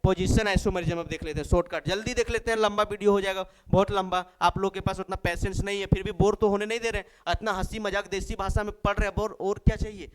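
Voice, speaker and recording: A man's voice: sits high, fairly even intonation, fast talker, few pauses, smooth. A male chemistry teacher with a Bihari accent gives a playful lesson. He jokes, repeats key phrases and fondly addresses his students.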